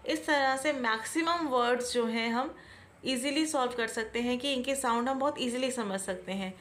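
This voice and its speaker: A woman's voice: fairly high pitch, fairly bright tone. A woman with an Indian accent explaining English pronunciation rules to learners, patient and repetitive, often asking questions back. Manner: slow, patient, repeats key points and asks questions back. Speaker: English teacher. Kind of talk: classroom-style explanation.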